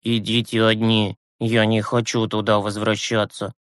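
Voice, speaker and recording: A man reading an audiobook who voices a weary, grieving teenage boy, low and slow. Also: monotone, fairly bright tone, dry recording, clean studio sound. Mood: despairing. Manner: low, slow, exhausted, withdrawn.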